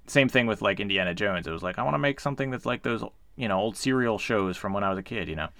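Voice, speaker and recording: A man's voice: on the low side, fast talker, fairly bright tone, dry recording. Older man rambling about board games. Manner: rambling, chatty, easily sidetracked. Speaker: board game podcast co-host. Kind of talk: casual chat.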